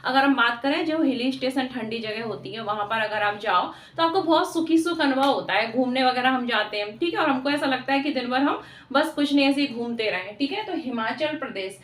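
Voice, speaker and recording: A woman's voice: sits high, lively intonation, a little fast. A woman teaching an exam-prep lesson, asking questions and answering them herself, repeating key points often. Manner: repeats questions and answers, frequent "theek hai". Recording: echoey room, voice from far off.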